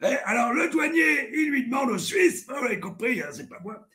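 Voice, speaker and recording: A man voicing a vulgar, rambling old grandfather in a comedy sketch, often shouting. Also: very high-pitched, sing-song, brisk, noisy background. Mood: crude rambling. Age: older. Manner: rambling, foul-mouthed, bursts into shouts.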